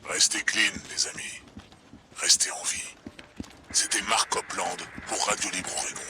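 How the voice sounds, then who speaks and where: A man's voice: on the low side, little pitch movement, a little slow, a little hiss or hum. An actor playing a paranoid male host of a pirate radio broadcast, ranting sarcastically about conspiracies in game dialogue. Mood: conspiratorial rant. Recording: game audio under loud music.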